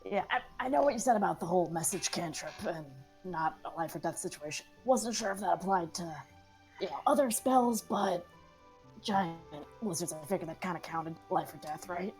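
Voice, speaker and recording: A caring adventurer checks on a companion, voiced by a woman at a game table. The voice sits low and hesitant, with speech that trails off mid-thought. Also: moderate pace, a little mellow, soft background music, natural voice. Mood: concerned.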